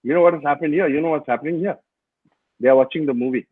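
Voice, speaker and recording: A man's voice: on the high side, breathy edge, no echo, phone-quality sound. Chatty man on a thin call line. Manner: chatty, teasing, halting fillers. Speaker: host reading viewer comments. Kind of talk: casual live interview.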